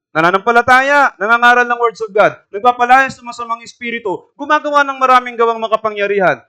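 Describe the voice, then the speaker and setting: A man's voice: high voice, pushed and bright, clear, resonant tone. A man preaching a sermon in a church, asking the congregation questions and telling a homely story. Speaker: pastor.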